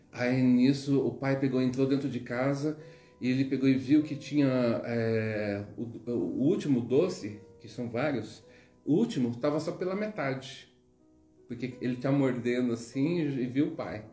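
Brazilian male teacher, casual and digressive, mellow tone, roomy echo with faint music. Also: medium pitch, a little slow. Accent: Brazilian Portuguese. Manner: chatty, digressive, frequent tag questions. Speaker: spiritual teacher. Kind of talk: informal teaching with storytelling.

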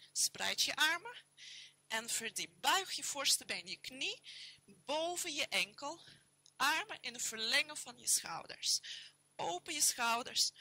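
Dutch yoga teacher lady, slow steady cues, bright clear voice, dry close sound. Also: a little high, no room sound. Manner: calm, steady cues paced to the breath. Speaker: yoga instructor. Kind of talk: guided yoga class instruction.

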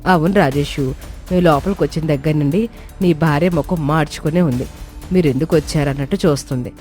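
A woman's voice: deep voice, brisk, darkish tone, soft background music, natural voice. A woman playing a sly, taunting aunt. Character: sly, gossiping middle-aged sister-in-law.

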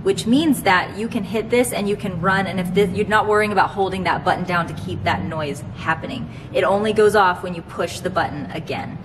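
A woman's voice: medium pitch, brisk, few pauses. A woman in her thirties giving an explanatory, conversational product demonstration to camera as host. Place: large open warehouse, indoors. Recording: clear background noise, warehouse ambience.

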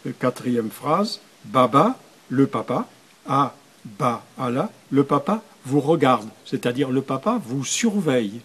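A man's voice: mid-range voice, very animated, takes it slowly, fairly bright tone, breathy edge, low-quality recording. An older man, a priest, explaining his method for teaching adults to read, patiently sounding out syllables one by one.

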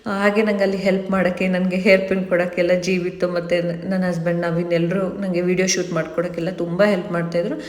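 A woman's voice: medium pitch, a little mellow. A woman in her thirties from Mysuru, telling chatty, rambling stories as a family vlogger. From Mysuru, India. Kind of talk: casual vlog narration. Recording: echoey, reverberant room.

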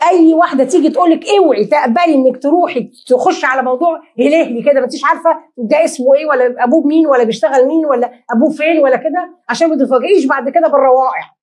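An Egyptian woman lectures quickly in a fairly high voice, firing off rhetorical questions and answering them herself. She slips into little acted dialogues as she goes. The room around her sounds echoey. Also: darkish tone. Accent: Egyptian Arabic. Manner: acts out short dialogues in quick asides. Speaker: lecturer giving marriage advice. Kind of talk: lively lecture to an audience.

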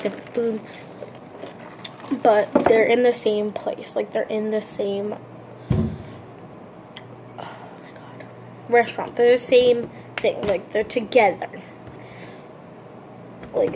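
A woman's voice: on the high side, fairly even intonation, unhurried, pauses often. Rambling young female vlogger, noisy recording. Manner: rambling, filler-heavy talk with lots of "like" and "um". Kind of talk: casual eating-show vlog.

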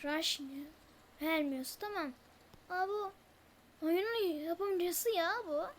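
High, slow-talking nervous gamer. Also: a little hiss or hum. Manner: nervous, stammering, talks self calm; mutters prayers when scared. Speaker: gameplay streamer. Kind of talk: horror game commentary.

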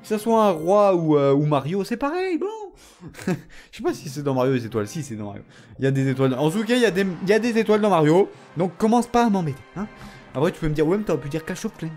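A man giving animated gameplay commentary, teasing and self-mocking, often laughing and bursting into excited shouts. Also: a little high, fast, faint music behind. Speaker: gamer commenting his own matches.

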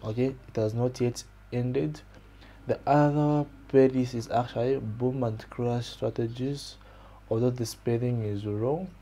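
A man's voice: mid-range voice, steady tone, unhurried, mellow. A young man from Zambia with a Zambian accent walks viewers through his own channel in a plain, explanatory way, often saying "okay" and "so", recorded on a desk webcam in a small room. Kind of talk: casual screen-share walkthrough. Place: small room indoors, pink-lit wall behind.

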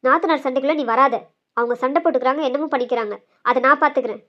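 A woman voicing a sharp-tongued older mother-in-law in a cartoon family drama, scolding and commanding. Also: high-pitched, racing, voice pushed down, lightly acted. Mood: stern, firm. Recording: dull lo-fi audio.

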